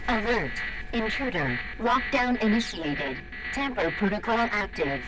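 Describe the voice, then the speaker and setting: A woman voicing a calm station security computer. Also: medium pitch, unhurried, music in the background, close to an everyday voice, low-quality recording. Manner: clipped, even status announcements. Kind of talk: video game cutscene voice acting.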